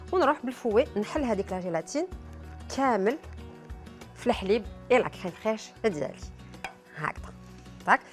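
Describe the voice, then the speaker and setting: Brief: Algerian woman, cooking show presenter, mid-pitched, fast, talks straight to her viewers. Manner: chatty, talks straight to viewers with frequent asides. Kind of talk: cooking demonstration.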